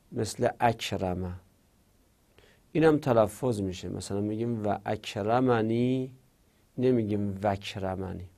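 A man's voice: mid-range voice, vocal fry, mellow. A man giving a spoken grammar lesson, patiently repeating example words and explaining them step by step. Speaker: teacher.

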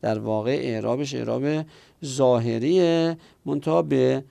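A man's voice: mid-range voice, vocal fry, mellow, dry recording. A man teaching Arabic grammar in a lesson, explaining step by step and answering his own questions.

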